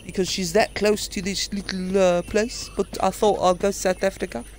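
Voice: medium pitch, flat delivery, normal speed, slight background noise. Chatty British game streamer. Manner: chatty, rambling and swears freely. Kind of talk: casual live-stream commentary. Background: game music.

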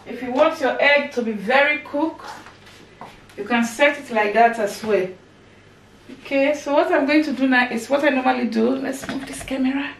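This cooking vlogger, a woman in her thirties, has a high, gravelly voice and talks at a normal speed, chatty as she chops and cooks in her home kitchen. Because the camera mic is set up across the room, the recording is distant and echoey with background noise.

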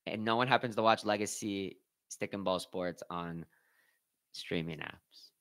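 A man's voice: fairly low pitch, measured pace, a bit bright. A man hosting a live watch-party stream, commenting casually in loose slang and reading out and answering his chat.

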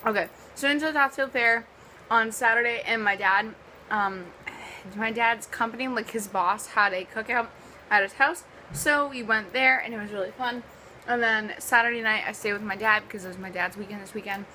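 A woman's voice: a little high, moderate pace, bright, forceful tone, a little hiss or hum, poor audio. A young woman from the US East Coast with a sore, partly lost voice, chatting casually in a vlog and rambling with lots of ums and likes. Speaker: vlogger.

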